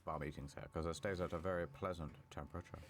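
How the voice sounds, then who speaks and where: A man's voice: low-pitched, fairly even intonation, quick pace, a little hiss or hum. A man delivering comedic scripted narration in a theatrical, mock-serious, punchy way. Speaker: video narrator and ad presenter.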